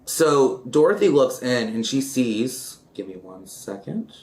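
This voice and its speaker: A man's voice: mid-range voice, sing-song, measured pace, darkish tone. A man chatting in a campy, dramatic way while recapping an old film and doing his makeup, with giggly asides. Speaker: vlogger.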